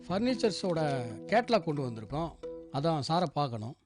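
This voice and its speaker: A man's voice: a little high, very animated, a little fast, over music. An actor playing a polite, persuasive businessman in a TV serial. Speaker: furniture business man. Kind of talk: TV serial acting.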